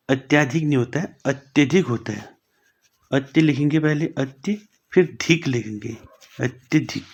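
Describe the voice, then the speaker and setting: A young man teaching a spelling lesson for exam preparation, repeating each word and closing points with a quick "okay". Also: mid-range voice, a little mellow. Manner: repeats words slowly, ends points with "thik hai".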